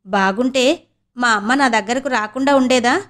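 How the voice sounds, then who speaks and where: Here the audiobook narrator, a woman, gives light acting to a cheeky niece and student. The girl's fairly high, lively voice tosses out teasing, grumbling asides at a quick, chatty clip.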